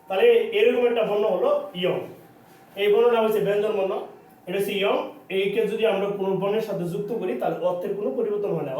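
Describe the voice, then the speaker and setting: A man with a high voice and a Bangladeshi Bengali accent leads a language lesson, drilling sounds by saying them again and again. He is recorded from a distance in a very echoey room with faint background noise. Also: darkish tone. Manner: repeats phrases and sounds slowly for drilling. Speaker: Korean language teacher. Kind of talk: classroom lesson.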